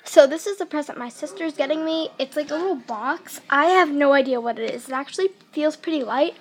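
High-pitched and brisk, this young female vlogger chats to viewers in a low-quality recording. She's giggly and talkative, holding a handheld camera at her family home during Christmas.

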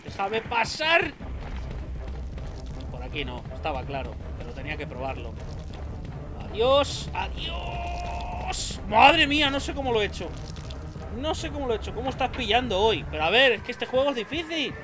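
A young man from Spain with a Spanish accent, streaming a game and talking through it, excitable and swearing often. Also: high voice, fast talker. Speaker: gameplay streamer. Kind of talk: let's play commentary. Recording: game music playing behind.

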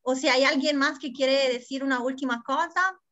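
Class moderator, woman, bright and fairly high voice, hesitant phrasing. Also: steady tone, moderate pace, lo-fi sound. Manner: hesitant, searching for words.

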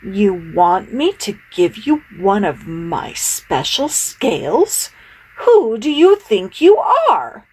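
A woman's voice: high-pitched, very animated, takes it slowly, darkish tone, voice pushed up, heavily acted, low-quality recording. A woman voicing a proud, vain young male fish in a storybook, haughty and indignant.

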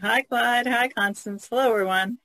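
A woman's voice: fairly high pitch, normal speed, bright, forceful tone, no echo. A woman chatting casually as a panelist on a podcast.

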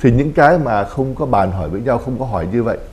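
Priest, man, rapid explanatory talk, dark mellow tone. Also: medium pitch, lively intonation. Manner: explanatory, acts out little quoted dialogues. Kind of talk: pastoral talk show discussion.

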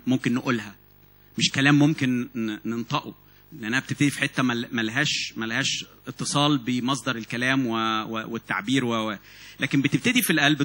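A man with an Egyptian Arabic accent preaching a sermon in an animated way, often repeating and restarting words. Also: mid-range voice, slightly rough. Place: church meeting hall.

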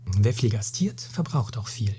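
A polite young merchant who bargains carefully and treads cautiously, as a male reader voices him. His voice is mellow and very husky, softly breathy throughout the storybook reading. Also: on the low side, animated, measured pace, heavily acted.

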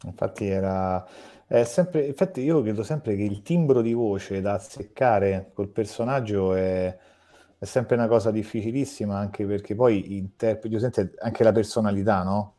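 A man's voice: lowish voice, normal speed, mellow. A man interviewing a guest, chatting at length like a fan, with rambling sentences and frequent restarts. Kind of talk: casual interview chat.

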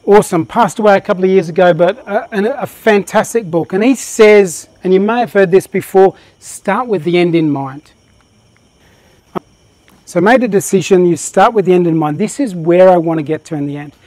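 A man leads a live motivational workshop, speaking with real passion and a lot of energy. His voice sits high for a man. It sounds dry and close, with no echo from the room. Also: moderate pace, darkish tone. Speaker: workshop presenter.

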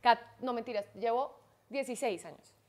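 A woman in her thirties talks in a relaxed interview, her voice sitting a little high. She is expressive and quick to laugh, and acts out the voices of people she quotes. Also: slight background noise. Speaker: guest. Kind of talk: casual interview chat.

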